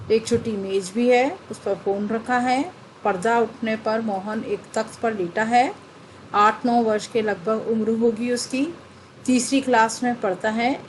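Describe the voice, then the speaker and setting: Slow-talking woman teacher. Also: fairly high pitch, a little hiss or hum, poor audio. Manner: slow, explanatory, addresses the children directly. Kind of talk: reading and explaining a textbook play to children.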